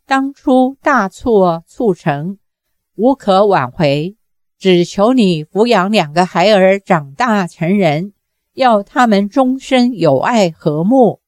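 一位女性朗读者演绎一位舍身救夫、临终低声嘱托的温柔妻子。. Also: female voice, animated, takes it slowly, no echo, clean studio sound. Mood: tender. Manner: soft, low-voiced. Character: gentle dying wife, tender and quiet. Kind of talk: audiobook character voice.

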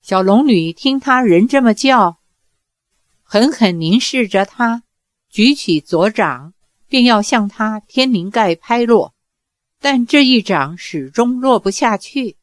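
A woman reading a novel aloud as an audiobook narrator, with measured, expressive storytelling. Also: on the high side, dry recording.

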